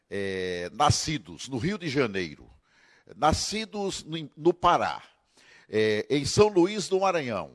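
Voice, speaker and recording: A man, a TV host asking questions in a curious, casual interview. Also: mid-range voice. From Paraíba, Brazil. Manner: curious, asks questions and echoes answers.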